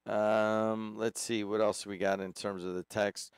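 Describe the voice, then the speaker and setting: Brief: man, chatty talk radio host, lowish smooth voice, dry close sound. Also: level tone, measured pace, no echo. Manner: chatty, reads listener texts.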